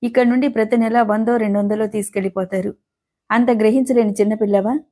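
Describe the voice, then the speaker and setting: A woman reading the part of a gentle, ailing middle-aged mother, speaking in a pained, pleading way. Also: fairly high pitch, fairly even intonation, quick pace, lightly acted. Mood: pained anger.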